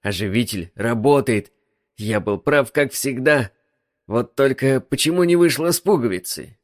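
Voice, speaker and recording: A man doing a loud, excitable eccentric inventor. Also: medium pitch, unhurried, no room sound, studio quality, pitched above the performer's own voice, lightly acted. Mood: excited. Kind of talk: audiobook reading.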